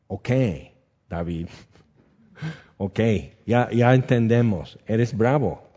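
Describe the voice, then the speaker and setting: A male preacher delivers a sermon in a warm, mellow voice. His delivery is animated storytelling that slips into acted-out voices. The recording sounds dull and lo-fi. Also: medium pitch, slow.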